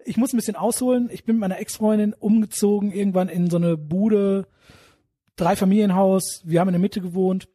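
A young man telling a story in casual chat, in rough slang, acting out the quotes. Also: sits high, fairly even intonation, dark tone, no room sound, studio quality. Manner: fast, rough street slang, acts out quotes. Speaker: podcast co-host telling a story.

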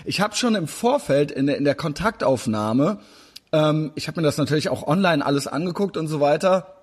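A man in his forties with a fairly high, slightly rough voice interviews a guest in a casual video-call chat. He sounds animated at a moderate pace, rambling with plenty of fillers and restarts.

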